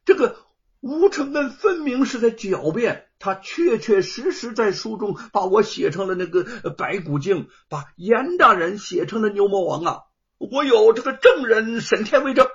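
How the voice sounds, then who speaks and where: A man voicing a pompous, loud wealthy villain who indignantly accuses an author before a magistrate. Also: sits high, lively intonation, normal speed, slightly rough, pitched above the performer's own voice, full character voice. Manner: blustering, indignant, declaiming. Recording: dull lo-fi recording.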